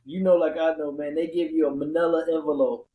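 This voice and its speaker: A man's voice: on the high side, little pitch movement, brisk, dark tone, poor audio. A man telling his own story in casual conversation as a podcast host, repeating words for emphasis.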